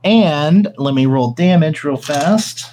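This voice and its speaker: A man's voice: a little high, animated, takes it slowly, background noise. A man narrating a tabletop game as game master, improvising hesitantly and thinking aloud.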